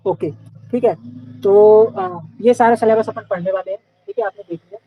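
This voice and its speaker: A man's voice: high-pitched, fairly even intonation, normal speed, phone-quality sound. A young man teaching a live online class in a casual, chatty way, often checking in with his students.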